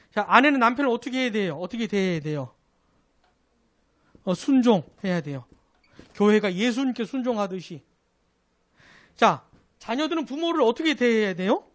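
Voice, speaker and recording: Male pastor teaching doctrine, animated pitch, call-and-answer questions to the congregation. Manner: asks the congregation questions, then answers them himself. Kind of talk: Sunday doctrine class teaching.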